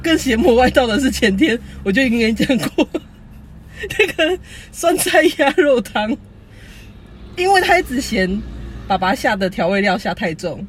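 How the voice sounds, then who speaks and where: A podcast co-host with a Taiwanese Mandarin accent, telling stories in animated casual chat and laughing often. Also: mid-range voice, moderate pace, slight background noise.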